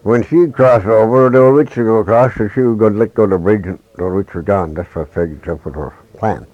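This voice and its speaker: A man telling a traditional folk tale in halting dialect speech with many restarts, on a dull lo-fi recording. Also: on the low side, no room sound. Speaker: storyteller.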